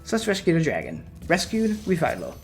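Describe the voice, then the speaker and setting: Chill guy doing a let's play, voice getting worn, laughs off his misses, soft music under it. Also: a little high, fairly quick. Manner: relaxed, chatty, laughs at his own mistakes. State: voice wearing out. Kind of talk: casual gameplay commentary.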